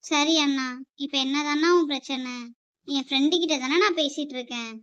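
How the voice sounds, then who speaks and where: A woman's voice: sits high, steady tone, brisk, fairly bright tone. A young woman playing a younger sister who protests and pleads against her strict brother. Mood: protesting, pleading. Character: defiant teenage sister scolded by her brother. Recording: dull lo-fi recording.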